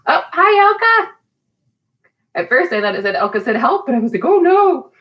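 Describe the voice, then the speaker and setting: A woman in her thirties runs a live storytime for young children from a small indoor room at home, speaking to them directly and encouragingly like a teacher. She greets each child by name in a sing-song way, her high voice swinging widely in pitch at a moderate pace. The recording is muffled.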